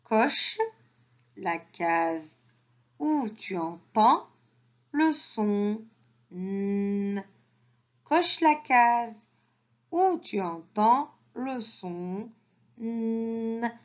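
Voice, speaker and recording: A woman teacher speaking very slowly in a somewhat high voice, sounding out each word and repeating it for young children. The recording is dull and lo-fi. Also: sing-song. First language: Arabic. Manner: slow, syllable-by-syllable modelling with repeated words. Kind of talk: early reading lesson for children.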